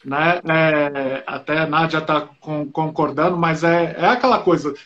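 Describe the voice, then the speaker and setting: A man's voice: fairly high pitch, measured pace, fairly bright tone, lo-fi sound. A male host of a live video-call interview, affirming the guest and asking others to confirm details.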